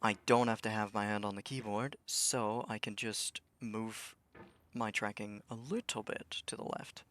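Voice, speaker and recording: A young man with a lowish voice rambles through a game stream, talking to himself. He stammers over restarts and swears under his breath. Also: fairly even intonation, a little slow, a bit bright. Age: young adult. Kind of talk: casual live-stream commentary.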